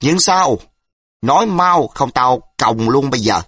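Guy doing brutal tough dude snarling threats, husky, dry sound. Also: lowish voice, animated, normal speed, fairly bright tone, no echo, full character voice. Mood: threatening.

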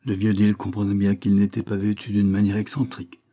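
Husky low-voiced male narrator. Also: monotone, brisk, mellow. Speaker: audiobook narrator. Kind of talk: scripted narration.

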